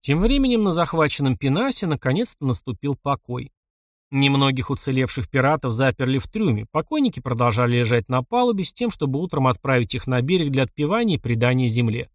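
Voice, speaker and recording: A man narrating an adventure novel in an even storytelling voice. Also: mid-range voice, fast talker, dry recording, clean studio sound. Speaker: audiobook narrator. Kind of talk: scripted narration.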